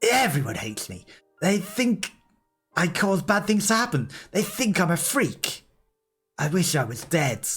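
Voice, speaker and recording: Dude voicing a teary lonely girl, higher pitched, kinda husky. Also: sing-song, normal speed, hardly any pauses, soft background music. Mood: despairing. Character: tearful young girl, lonely and self-hating.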